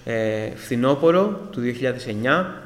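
A man's voice: mid-range voice, lively intonation. A man giving an earnest, emotional personal testimony to a church congregation and addressing them as brothers. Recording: echoey hall with long reverb.

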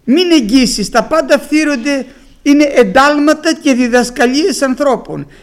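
A middle-aged man preaching a sermon to his congregation, telling stories and acting out the people he quotes. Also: very high-pitched. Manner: storytelling, acts out quoted speakers.

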